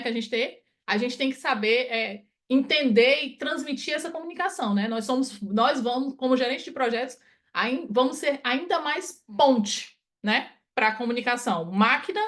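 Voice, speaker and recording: A Cearense woman from Brazil, a consultant, giving a chatty webinar talk over a video call and tagging many phrases with "né?". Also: fairly high pitch. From Ceará, Brazil. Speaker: project management consultant and webinar speaker.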